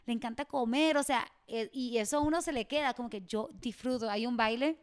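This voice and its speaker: A young Puerto Rican woman co-hosting a podcast, talking at a rapid clip with a high voice. She is slangy and animated, and her tone stays smooth and clear. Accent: Puerto Rican Spanish. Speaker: podcast co-host. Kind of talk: casual chat.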